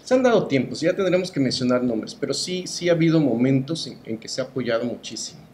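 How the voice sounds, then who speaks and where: A man's voice: medium pitch, expressive, fast talker, a little mellow, a little hiss or hum. A middle-aged man with a Mexican accent giving opinions in an interview as a cultural promoter, speaking emphatically and rhetorically with frequent tag questions.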